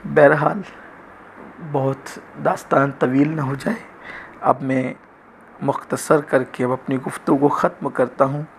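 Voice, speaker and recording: A man giving a religious lecture in a measured, reverent storytelling manner, full of honorifics. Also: mid-range voice, fairly even intonation, vocal fry, a little hiss or hum. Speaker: religious speaker.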